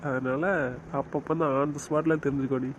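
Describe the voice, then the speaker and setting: A man's voice: medium pitch, level tone, moderate pace, slight background noise, poor audio. A young man playing a father in a homemade drama, cooing and coaxing his baby daughter. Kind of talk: amateur web drama acting.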